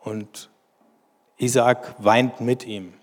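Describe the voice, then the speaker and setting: A man with a mid-pitched voice reads scripture with slow deliberation. Between passages he explains the text in measured commentary. His voice trails into a long reverb, as in a large hall. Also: flat delivery. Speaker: bible teacher.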